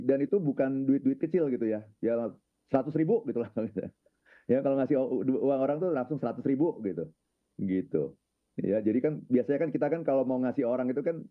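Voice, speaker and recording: Man telling a story over a tinny line. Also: mid-range voice. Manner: unhurried, leans on filler tags at phrase ends. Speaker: guest speaker on his own channel. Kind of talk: reflective personal storytelling. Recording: narrow phone-like sound.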